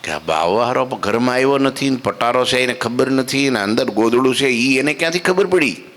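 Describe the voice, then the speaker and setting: Bright-voiced preacher in a hall. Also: male voice, medium pitch, moderate pace. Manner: lively storyteller who acts out characters and asks rhetorical questions. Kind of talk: devotional storytelling sermon.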